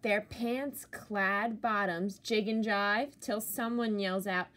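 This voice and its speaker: With a mid-range voice and an unhurried pace, a female teacher brings a picture book to life for children, stressing key words theatrically.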